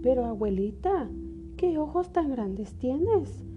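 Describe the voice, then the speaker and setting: A woman's voice: high-pitched, expressive, muffled recording, soft background music, pitched above the performer's own voice. A woman voicing a sweet, trusting little storybook girl in an innocent, childlike manner. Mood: puzzled. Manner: innocent, childlike, drawn-out questions. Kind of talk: storybook character acting.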